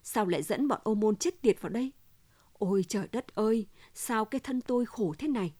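A woman's voice: a little high, lively intonation, fairly quick, mellow, dry recording. A woman voicing a distraught wife who keeps pressing her husband for the truth, in an insistent, pleading manner.

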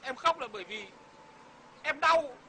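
A man's voice: extremely high pitch, animated, unhurried, heavy background noise. A man playing a meek wife who whimpers and pleads for help. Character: meek beaten young wife.

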